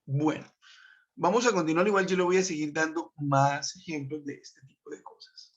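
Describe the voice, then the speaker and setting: A man's voice: on the high side, moderate pace. A man, teaching an online English grammar lesson, explaining step by step and checking in with his students. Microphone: web conference computer mic. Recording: dull lo-fi web call audio.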